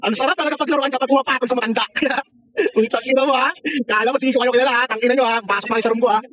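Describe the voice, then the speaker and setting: Lalaking napakataas ng boses na nanunukso. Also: male voice, very high-pitched, fast, fairly bright tone, highs cut off, slight background noise. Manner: mocking and taunting, laughing often, swearing freely. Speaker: online gamer. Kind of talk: trash-talking game voice chat.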